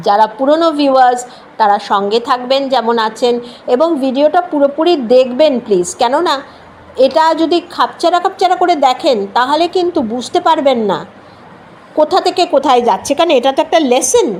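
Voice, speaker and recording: A woman's voice: sits high, brisk, a little mellow, a little hiss or hum. A woman with a Bengali accent teaching an English word, patiently repeating each sound and mixing English into her Bengali. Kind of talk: explanatory lesson.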